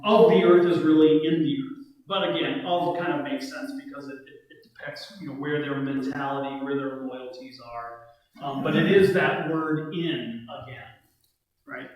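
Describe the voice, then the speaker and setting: A man leading a casual Bible study lecture in a church room, talking conversationally and often checking in with his listeners. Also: a little high. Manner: conversational, keeps asking "right?" of the group. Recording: very echoey room, mic far off.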